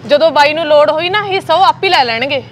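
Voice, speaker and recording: A woman with a Punjabi accent playing a sharp-tongued, sarcastic sister-in-law who scolds and taunts. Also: sits high, lively intonation, quick pace. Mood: concerned. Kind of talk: Punjabi web-series acting.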